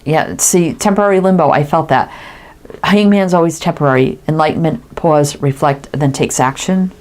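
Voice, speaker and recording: Low-voiced woman giving a tarot reading. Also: normal speed, a little mellow. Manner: musing aloud, frequent "right?" tags. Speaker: tarot reader.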